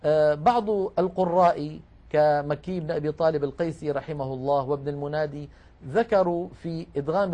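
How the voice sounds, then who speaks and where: A man's voice: a little high, a little mellow. A man teaching Quran rules with a raised voice. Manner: explains rules patiently, slows to recite examples. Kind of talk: tajweed lesson.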